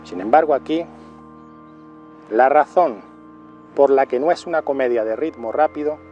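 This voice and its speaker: A middle-aged man reviews a film with a mellow, darker tone, spelling out his points with deliberate care. He often repeats titles and dates to drive them home, while soft music plays faintly behind him. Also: mid-range voice, highs cut off. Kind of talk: scripted film review monologue.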